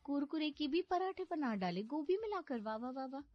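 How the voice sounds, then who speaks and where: A woman's voice: high-pitched, animated, normal speed, no room sound, voice pushed up. Woman doing a naive young bride. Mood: innocent. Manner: sweet, innocent and chatty. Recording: slightly dull audio with background music.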